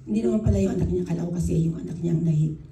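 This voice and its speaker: A Filipino woman giving a church devotion, mixing Tagalog and English, unhurried, with frequent restarts. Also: fairly low pitch, dark tone, slight background noise. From Philippines. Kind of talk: devotional talk with a personal story. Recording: echoey room, speaker far from the mic.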